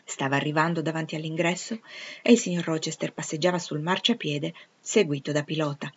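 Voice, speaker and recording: A woman reading a novel aloud with steady, clear narration. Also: sits low, a little fast. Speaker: audiobook reader. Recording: dull, muffled audio.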